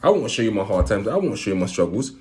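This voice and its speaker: Man, London roadman accent, lowish pitch, casual street-slang storytelling, emphatic repeats. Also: big pitch swings, fast talker, darkish tone. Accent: London, urban street. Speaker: vlogger. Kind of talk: casual personal storytelling to camera.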